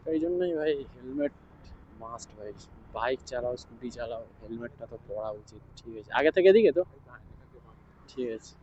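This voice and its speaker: A man vlogging as a bike taxi rider, speaking quietly in casual chat while riding through city streets. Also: mid-range voice, lively intonation, brisk, dull audio. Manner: talks quietly because his mic distorts. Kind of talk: casual ride-along vlog chat. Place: outdoors on a scooter in city traffic. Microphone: action camera mic while riding. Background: wind and traffic noise.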